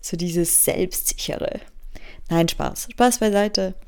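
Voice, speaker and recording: In her twenties, this German woman hosts a casual solo podcast, her low voice carrying a gravelly fry and a darkish tone. She takes it slowly, rambling from thought to thought, drifting off topic, teasing herself, and sprinkling in English phrases.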